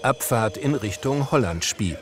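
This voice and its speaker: A man's voice: medium pitch, lively intonation, unhurried, over music. A man giving scripted TV documentary narration with a dry, wry delivery.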